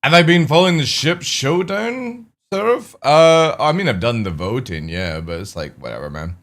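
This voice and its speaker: A young man streams and chats casually with viewers, greeting chat members by name and swearing now and then. His mid-range voice is fairly bright, very animated, at a normal speed, and slightly crackly.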